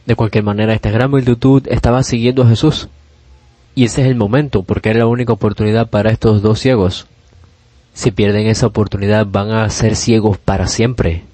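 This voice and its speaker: A man's voice: fairly low pitch, a little mellow, no echo. A man preaching a sermon in an earnest, emphatic way, often repeating key phrases.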